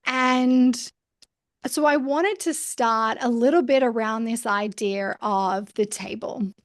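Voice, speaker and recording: A woman with a Canadian accent and a fairly high voice hosts a conversation at an unhurried pace. She is earnest and places deliberate emphasis, in a dry, close recording. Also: dry recording. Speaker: podcast host. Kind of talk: conversational interview introduction.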